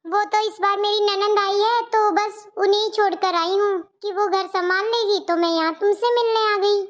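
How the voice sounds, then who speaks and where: A dutiful, caring young daughter-in-law, as a woman puts her on, earnest and a little pleading, very high voiced. The sound is dull and lo-fi. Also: fairly even intonation, normal speed. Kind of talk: cartoon story voice acting. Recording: dull lo-fi audio.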